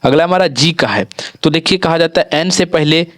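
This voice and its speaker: A man with a slightly high voice teaches an English spelling lesson in a patient classroom manner. He spells words out letter by letter and keeps checking in with "theek hai". The recording is close and dry, with no room sound. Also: moderate pace, a bit bright, no echo.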